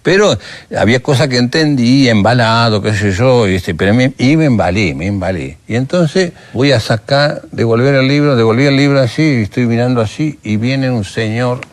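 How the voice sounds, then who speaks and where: A man's voice: mid-range voice, moderate pace. Older Argentine man telling stories. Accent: Argentine Rioplatense Spanish. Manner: animated storyteller who acts out remembered dialogue. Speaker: documentary interviewee. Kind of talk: recounting memories in a documentary interview.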